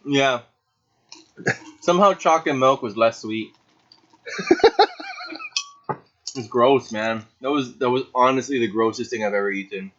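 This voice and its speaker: A man's voice: medium pitch, unhurried, long pauses, fairly bright tone. A young man co-hosting a podcast in casual chat, joking and laughing often. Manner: joking, laughs often, talks with his mouth full. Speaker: podcast co-host. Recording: dull lo-fi mic.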